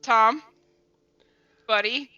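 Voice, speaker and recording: A woman's voice: on the high side, extremely slow, pushed and bright, clear, resonant tone, no echo, highs cut off, faint music behind. A woman playing a tabletop role-playing game, speaking in character as a player.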